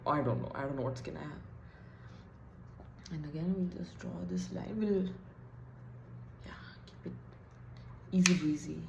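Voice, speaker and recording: Low-voiced woman chatting in echoey room. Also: normal speed, gravelly, long pauses, background noise. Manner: chatty, thinking aloud, self-deprecating. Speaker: beauty vlogger. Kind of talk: casual get-ready-with-me chat.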